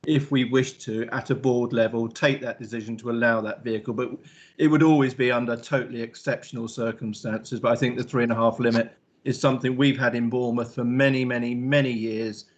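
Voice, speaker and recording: A man speaking as a councillor in a committee debate on a video call, steady and matter-of-fact. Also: mid-range voice, brisk.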